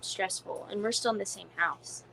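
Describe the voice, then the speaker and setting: A woman's voice: medium pitch, normal speed, gravelly, fairly bright tone, slight background noise, poor audio. A woman chatting casually as a guest co-host on a live stream, full of fillers.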